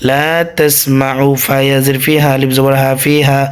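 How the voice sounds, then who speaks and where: A man's voice: mid-range voice, completely flat delivery, fast talker. A man teaching Quran reading who spells out the Arabic letters and vowel marks one syllable at a time, patiently repeating each sound.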